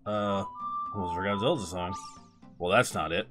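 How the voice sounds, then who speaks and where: A man's voice: low voice, moderate pace. A man giving casual, sarcastic let's-play commentary, swearing freely. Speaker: gaming video host. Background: game music.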